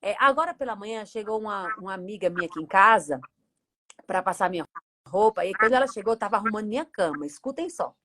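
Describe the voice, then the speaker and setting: A woman's voice: mid-range voice, animated, fast, sharp tone, no room sound. A woman with a Brazilian Portuguese accent, a psychologist hosting an online class from her home over a video call, speaking emphatically and calling out to the audience. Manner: emphatic, calls the audience in directly. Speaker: host and psychologist.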